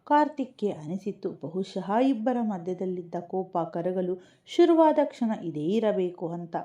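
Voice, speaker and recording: A woman narrating a romantic audio story in a calm, steady storytelling manner. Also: medium pitch. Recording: dull lo-fi recording.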